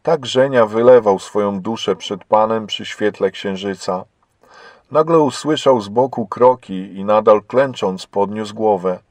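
Low-voiced man narrating a story. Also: measured pace, darkish tone, dry recording.

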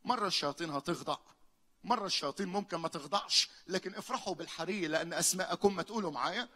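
A young man with an Egyptian accent preaching a lively sermon, calling on the congregation to repeat lines after him, swinging between loud and hushed. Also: high-pitched, racing. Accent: Egyptian Arabic. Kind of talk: lively call-and-response sermon. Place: church hall.

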